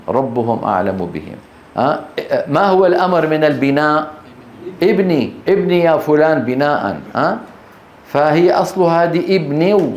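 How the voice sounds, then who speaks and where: A man's voice: a little high, darkish tone. A male Quran teacher, giving a classroom lesson and often prompting the class with short questions while drawing out recited words. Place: classroom, Grozny. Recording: echoey room, faint background hiss.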